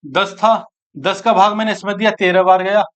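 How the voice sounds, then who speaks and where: A man's voice: high-pitched, fairly even intonation, normal speed. A man teaching an exam-prep maths lesson, working through sums aloud and asking and answering his own questions. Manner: addresses students as friends and brothers.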